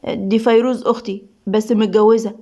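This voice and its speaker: A woman's voice: medium pitch, fairly even intonation, brisk, mellow, lightly acted. A woman with an Egyptian accent voicing a secretive rich young man who speaks with a smile. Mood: friendly. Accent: Egyptian Arabic. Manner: smiling, ends in whispers.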